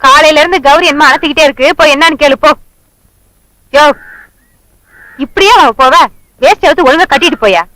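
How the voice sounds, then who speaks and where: An exasperated wife who nags and scolds without letup in a film comedy. Her voice is very high and bright, recorded dry and close. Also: a little fast, pauses often, no room sound. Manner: nagging, scolding.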